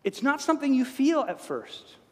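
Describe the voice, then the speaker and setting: High, lively male pastor preaching. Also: normal speed. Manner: conversational, animated, with humorous asides. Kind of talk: sermon. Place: church sanctuary. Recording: long church reverb.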